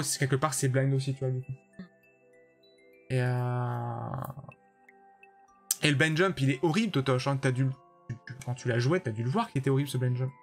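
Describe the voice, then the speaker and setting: A man live-streaming a game, chatting casually with his viewers and judging their levels bluntly. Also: medium pitch. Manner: chatty, judges viewer levels bluntly, answers chat by name. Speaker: streamer playing a level-making platform game.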